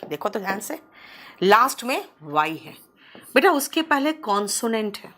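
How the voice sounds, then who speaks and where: A woman's voice: a little high, sharp tone. A woman teaching English grammar in an online exam-prep lecture, drawing out words syllable by syllable and affectionately calling her students "beta". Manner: drawn-out, syllable-by-syllable drilling of words.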